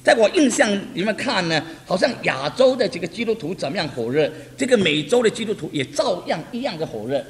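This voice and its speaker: A man's voice: high-pitched, a little fast, few pauses. A man preaching a testimony sermon, telling stories animatedly, repeating phrases and chuckling. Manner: repetitive, animated storytelling with chuckles. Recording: reverberant hall, faint noise.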